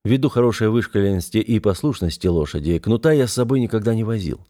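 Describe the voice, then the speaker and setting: A man narrating an adventure novel in first person, steady and storytelling. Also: fairly low pitch, fast talker. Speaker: audiobook narrator.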